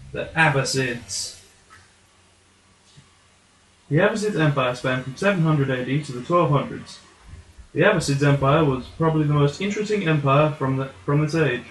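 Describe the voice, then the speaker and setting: A man with a slightly high voice narrates an educational puppet comedy from a script. The room echo is strong. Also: brisk. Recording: echoey room.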